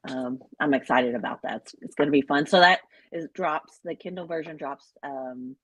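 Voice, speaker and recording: A middle-aged woman health coach and author, chatting in an interview in an animated, self-deprecating way with many fillers. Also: deep voice, normal speed, breathy edge, no room sound. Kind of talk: casual interview chat.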